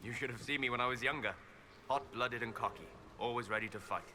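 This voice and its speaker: An actor playing a measured, thoughtful male veteran mage in a video game. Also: mid-range voice, bright, forceful tone. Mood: reflective. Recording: game audio under gameplay noise.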